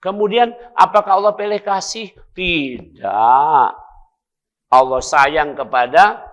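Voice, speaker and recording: Lively Palembang preacher, higher voice. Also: male voice, takes it slowly. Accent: Palembang Malay. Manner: lively, playful, acts out dialogues. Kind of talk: mosque sermon. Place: mosque.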